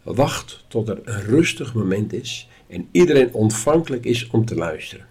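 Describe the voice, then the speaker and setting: A man giving a calm, instructive spoken lesson at a measured pace. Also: lowish voice, breathy edge. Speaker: course teacher.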